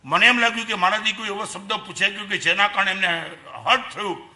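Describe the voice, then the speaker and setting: An older man with a Gujarati accent giving a lively Jain sermon, dropping to soft asides and rising to loud emphasis, asking the audience questions. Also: high voice, quick pace. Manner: animated preaching, swings between soft asides and loud emphasis. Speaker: Jain monk lecturer. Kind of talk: sermon to an assembly.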